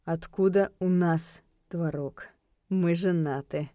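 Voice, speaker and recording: A woman voicing a flirtatious, teasing male werewolf husband who purrs his words low and slow in an audiobook. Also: steady tone, mellow, dry recording, clean studio sound. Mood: calm, insistent.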